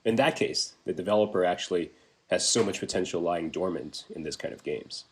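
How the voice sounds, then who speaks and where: His voice sits low and moves a little fast as this young man from Taiwan, who works in business development management, chats through interview questions on a video call from home. Fillers and restarts come up a lot.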